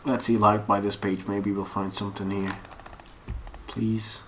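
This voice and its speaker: Speaking low with little pitch movement and a measured pace, a man leads a casual, unscripted screen-share tutorial at his computer. He's an online course instructor who rambles and thinks aloud as he searches; the room is noisy with typing and mouse clicks.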